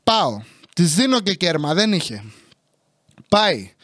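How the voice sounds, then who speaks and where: A man with a fairly high voice tells a crude, comic everyday story in a casual way. He sounds exasperated and swears freely. The sound is close and dry, with no echo. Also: very animated, a bit bright. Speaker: podcast host.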